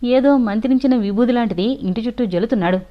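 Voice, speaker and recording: A woman's voice: fairly high pitch, fast talker, close to an everyday voice. A woman voicing an angry, frightened housewife who accuses a servant, in a storybook reading. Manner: agitated, accusing. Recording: dull lo-fi recording.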